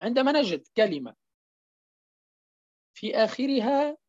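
A woman's voice: on the high side, sing-song, measured pace, a little mellow, no echo. A woman teaching a tajweed lesson, asking questions and answering them herself while repeating the key terms and checking that her students follow. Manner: checks understanding with frequent rhetorical prompts. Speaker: Quran recitation teacher. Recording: dull lo-fi dry recording.

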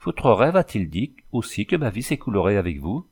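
A man's voice: lowish voice, big pitch swings, normal speed, a little mellow, breathy edge, full character voice. Earnest pleading young engineer, read by a man. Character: young French engineer, anxious, wounded and devoted.

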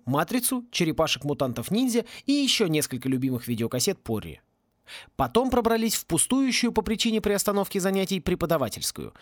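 A man narrating a satirical fantasy audiobook in an ironic, lively storytelling manner. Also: on the high side, dry recording, studio quality.

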